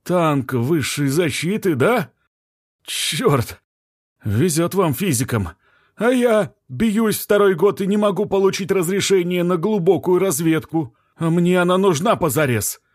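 A man voicing an excitable middle-aged male biologist who runs a remote station, eager and exclamatory. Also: sits high, a little slow, no room sound, studio quality, voice pushed up. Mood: envious pleading.

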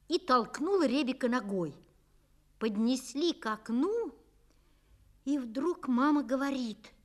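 Woman reading a story with vivid expression. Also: on the high side. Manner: acts out shouted quotes, voices the characters. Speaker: narrator.

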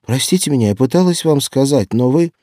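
An earnest, impulsive young woman detective, put on by a male audiobook reader, pushes her words up high and eager. The voice is dark and mellow underneath, recorded dry and close. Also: lively intonation, a little fast, no echo, close to an everyday voice. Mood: pleading. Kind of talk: audiobook character voice.

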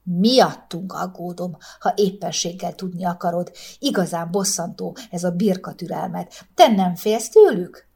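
A woman's voice: on the low side, gravelly, mellow, breathy edge. A woman voicing a nosy, suspicious older wife who complains indignantly about the new neighbors. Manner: indignant, complaining, rapid outpouring.

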